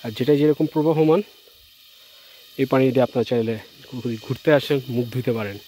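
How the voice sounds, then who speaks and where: A man's voice: mid-range voice, fairly quick, a little hiss or hum. A man from Bangladesh narrating a casual travel vlog as he walks outdoors on rural trails, chatting and mixing in English words. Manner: chatty, relaxed commentary mixed with English words. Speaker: travel vlogger. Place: outdoors on rural trails, village and tea garden.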